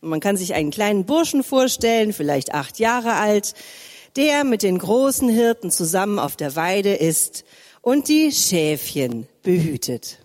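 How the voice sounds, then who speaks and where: A woman reads a children's story aloud in a church service, slow and with a lively, rising and falling voice. Her mellow tone carries a long church reverb. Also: mid-range voice. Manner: slow, expressive reading.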